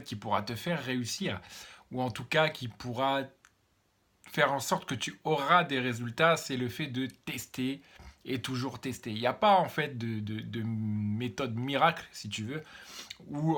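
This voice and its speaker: A man speaking as a vlogger, explaining things informally to one listener in a hesitant, halting way with repeated words. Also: mid-range voice, fairly bright tone. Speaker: vlogger giving online business advice.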